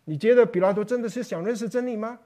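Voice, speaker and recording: A man preaching an expository sermon. He is animated and often acts out the voices he quotes. He repeats words and sometimes drops to a hushed, low voice for emphasis. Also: quick pace.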